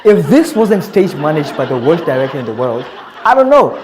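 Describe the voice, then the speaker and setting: A man's voice: a little high, very animated, moderate pace, darkish tone, a little hiss or hum. A young Kenyan man hosting a satirical comedy show, talking in a mocking, incredulous way and often laughing as he speaks. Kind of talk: satirical commentary.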